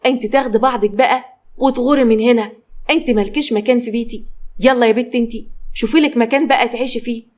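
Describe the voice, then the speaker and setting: Brief: woman as a sharp-tongued Egyptian wife, fast and cutting, in a storybook reading. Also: on the high side, fairly even intonation, close to an everyday voice. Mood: furious. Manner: sharp, insulting, nagging. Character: shrill, scolding young wife who throws out her mother-in-law.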